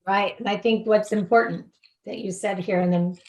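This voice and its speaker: Earnest woman host, coaching tone, mid pitch, roomy echo. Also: steady tone, moderate pace, a little mellow. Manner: earnest, repetitive lists of feelings, acts out sample dialogue. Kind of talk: conversational recovery coaching talk.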